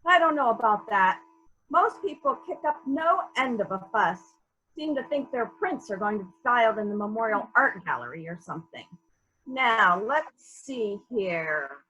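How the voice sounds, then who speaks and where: In a library's dramatic mystery reading, a woman plays a methodical female police detective leading a murder inquiry, her fairly high voice very lively in pitch as she muses deliberately and asks pointed, probing questions. She sounds skeptical, and the audio is dull.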